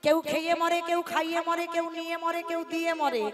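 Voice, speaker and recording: A high-voiced woman tells a devotional story in kirtan style and speaks straight to her listeners. Her delivery is animated. Live devotional music plays clearly behind her. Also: a little fast. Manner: animated, addresses listeners directly. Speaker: kirtan performer.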